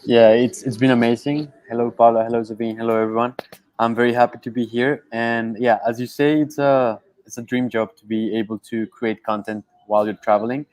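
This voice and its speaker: Easygoing guy travel creator, monotone-ish, dry close sound. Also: mid-range voice, a little fast, no echo, poor audio. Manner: polite, easygoing. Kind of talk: webinar guest remarks.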